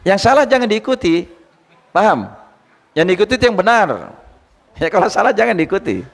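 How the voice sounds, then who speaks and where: A male Islamic teacher giving a lively study lecture, quizzing his listeners and retelling anecdotes. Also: high-pitched, a little fast, vocal fry. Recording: long hall reverb.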